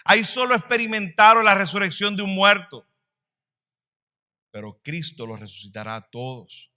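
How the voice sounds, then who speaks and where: Male pastor mid-sermon; bright, pointed delivery, dynamic swells and quiet drops. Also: high voice, lively intonation, moderate pace. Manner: dynamic preaching, swells louder then drops to a hush.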